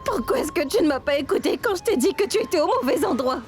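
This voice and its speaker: An actress dubbing a determined young mother who searches for her daughter and reproaches her husband, with music softly underneath. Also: very high voice, big pitch swings, fast talker. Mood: reproachful. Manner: urgent, reproachful. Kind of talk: French dub of a TV drama. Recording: soft music under dialogue.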